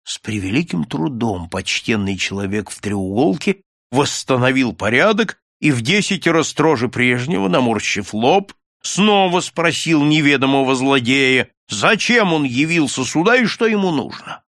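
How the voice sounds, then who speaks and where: A man narrating a classic story as an audiobook in an expressive, dramatic reading style. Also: mid-range voice, normal speed, no echo, studio quality. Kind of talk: scripted literary narration.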